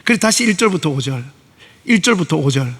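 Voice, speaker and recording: A middle-aged man preaching a sermon as pastor, telling stories and acting out voices in lively dialogue, recorded in a church sanctuary. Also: fairly high pitch, fairly quick, husky. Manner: animated, acts out dialogue in shifting voices. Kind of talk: sermon with storytelling. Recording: long hall reverb of a church.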